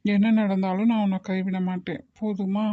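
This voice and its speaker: A performer playing a calm, firm husband in a cartoon, with a Kongu Tamil accent, who talks in a measured, lecturing and reassuring way. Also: mid-range voice, no room sound, close to an everyday voice. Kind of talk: cartoon voice acting. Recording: dull dry lo-fi recording.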